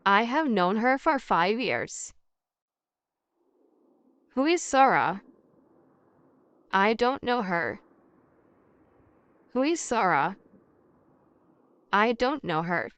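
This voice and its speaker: A woman's voice: medium pitch, very animated, drawn-out words, pauses often, fairly bright tone, no room sound. A woman reading a scripted English practice dialogue, carefully enunciating each question and answer and repeating every exchange twice. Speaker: language teacher.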